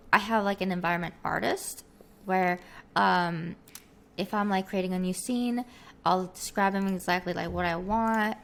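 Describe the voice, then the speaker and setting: A young Korean woman, a streamer and engineer, is a guest in a casual video call interview from her small home streaming room. She is soft-spoken and halting, with a fairly low, creaky voice, using lots of fillers and laughing often. She talks through a headset along with a desk mic.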